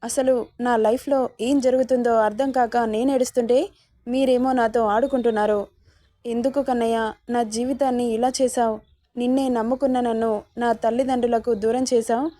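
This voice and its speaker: A stubborn young wife snaps back in anger and frustration, as a woman storyteller reads her lines. The voice is slightly high and mellow, recorded close and dry, like an audio storybook. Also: fairly even intonation, moderate pace, no echo, natural voice. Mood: upset. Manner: indignant, shouting.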